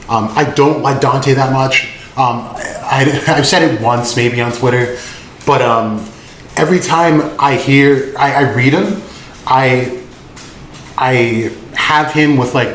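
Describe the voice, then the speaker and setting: A man hosting a casual anime commentary video, laid-back and rambling with lots of filler words and swearing. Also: medium pitch. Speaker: host. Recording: echoey room with faint noise.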